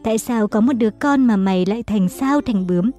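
A woman voicing a furious, jealous young husband who shouts insults and accusations at his wife. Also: on the high side, a little fast, soft background music, natural voice.

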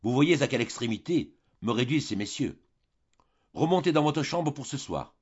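A coaxing, scheming landlady from a classic novel, as a male audiobook reader puts her on. The voice is sing-song and lively, and it sounds slightly husky. The recording itself is muffled and lo-fi. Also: mid-range voice, normal speed. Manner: wheedling, coaxing. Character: scheming middle-aged landlady coaxing a boarder. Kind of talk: audiobook character voice.

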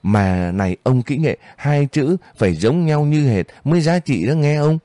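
Guy doing a sneaky mocking army advisor, voice pushed up higher, sing-song and needling. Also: animated, normal speed, warm tone, no room sound, natural voice. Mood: wheedling. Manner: wheedling, taunting. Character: sly mocking male military advisor.

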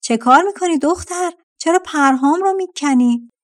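A woman voicing a giant male vulture in a fairy-tale audiobook, loud and fierce in his demands. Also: on the high side, lively intonation, close to an everyday voice. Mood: angry.

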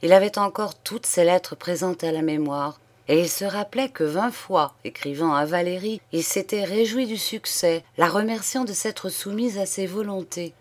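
A woman narrates a classic novel with a low voice. Her reading is steady and deliberate. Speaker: audiobook narrator. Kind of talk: literary audiobook narration.

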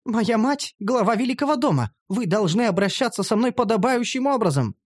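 A haughty young elf noblewoman, put on by a male audiobook reader, her voice lifted high and prim. She talks in stiff, formal, offended phrases, with a lively swooping pitch. The sound is dry and close. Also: a little fast, dry recording. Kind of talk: audiobook character voicing.

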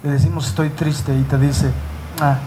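A pastor preaching a live sermon to his congregation in church. He slows down and stresses his words when he reads scripture, and he speaks directly to the people in front of him. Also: high-pitched, noisy background.

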